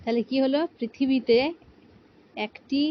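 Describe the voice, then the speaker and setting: A woman's voice: high voice, little pitch movement, a little slow, lo-fi sound, a little hiss or hum. A woman teaching an English grammar lesson, explaining patiently and asking her students rhetorical questions. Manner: patient, asks rhetorical questions, repeats "ঠিক আছে".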